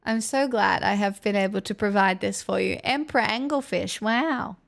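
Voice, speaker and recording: With a creaky, medium-pitched voice at a moderate pace, a young Australian woman rambles to her chat during a live stream. She's casual and frank, and says her voice feels strained.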